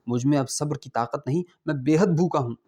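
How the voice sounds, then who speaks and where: A man's voice: fairly high pitch, dark tone, natural voice. A man voicing a hungry, poor man who answers his host humbly and politely. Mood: humble.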